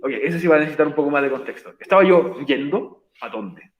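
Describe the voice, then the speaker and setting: A man's voice: on the high side, expressive, fast, roomy sound. A man teaching an online English class, patient and encouraging, explaining step by step.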